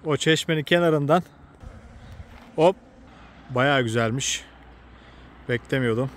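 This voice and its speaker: A man's voice: mid-range voice, slow pace. A man vlogging from his motorcycle on country roads, chatting and joking straight to his viewers through a helmet mic. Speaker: motovlogger. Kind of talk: casual running commentary while riding.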